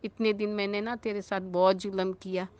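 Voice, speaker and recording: A woman voicing an older mother-in-law who has turned kind, speaking gently and reassuringly in a storytold scene. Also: medium pitch, level tone, normal speed, muffled recording, lightly acted. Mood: gentle, kind.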